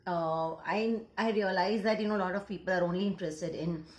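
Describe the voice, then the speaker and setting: A counseling psychologist whose first language is Gujarati talks casually and earnestly to camera in Indian-accented English, slipping into Hindi mid-sentence. Her voice is lowish, fairly quick and darkish, and the room is echoey.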